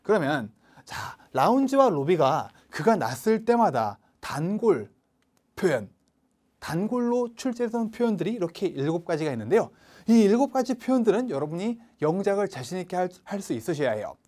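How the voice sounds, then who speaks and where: Male lecturer for test prep, lively pitch, coaching tone, checks in often with learners. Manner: coaching, repeats checks with the listener, reads English lines slowly for them to repeat. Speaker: English speaking test teacher. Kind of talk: online lecture.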